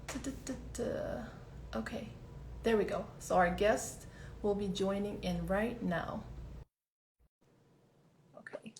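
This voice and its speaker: While waiting for her guest to join a live online interview, a friendly, upbeat podcast host chats casually to fill the gap. She speaks slowly in a medium-pitched voice that is gravelly and a little mellow, recorded in an echoey room with faint background noise.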